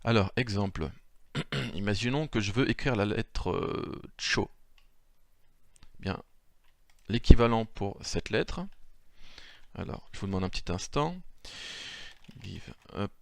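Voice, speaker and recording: A man's voice: on the low side, lively intonation, measured pace, creaky, long pauses, no echo. A man giving an improvised spoken lesson, hesitant, with many fillers, correcting himself as he goes. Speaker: language teacher. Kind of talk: improvised screen-share lesson.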